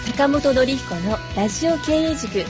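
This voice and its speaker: High-voiced woman announcer over music. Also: animated, unhurried, muffled recording. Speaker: radio announcer. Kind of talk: scripted radio show introduction.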